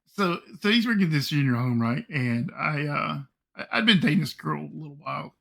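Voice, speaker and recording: A middle-aged man streaming his game and telling a long personal story in a rambling, halting way, full of fillers and swearing. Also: a little high, lively intonation, gravelly, a bit bright. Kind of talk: casual storytelling while gaming.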